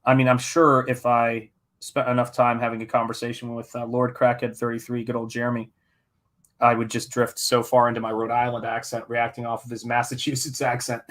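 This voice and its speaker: A middle-aged American man with a medium-pitched, fairly bright voice hosts a live painting stream. He paints as he chats casually, rambling along in a jokey, self-deprecating manner.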